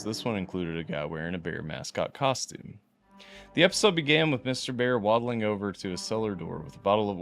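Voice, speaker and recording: A man reading a horror story aloud as a podcast host, stumbling and restarting now and then. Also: lowish voice. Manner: reads unevenly, stumbles and restarts.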